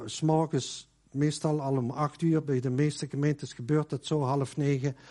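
A man preaching a sermon in a loose, conversational way, with many fillers and quoted lines that drop to a hush. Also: mid-range voice. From Netherlands.

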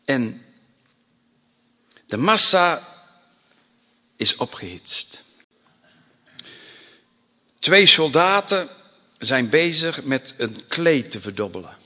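A man preaching a sermon with emphasis, acting out the voices he quotes and breaking into sudden loud bursts. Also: mid-range voice, animated, drawn-out words, long pauses. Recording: long hall reverb.

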